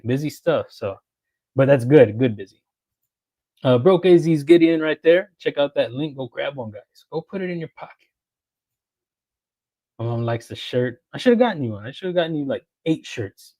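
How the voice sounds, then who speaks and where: A man hosting a casual livestream from home, reading out viewer comments, greeting people by name and chuckling often in a relaxed way. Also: medium pitch, no room sound. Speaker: livestream host.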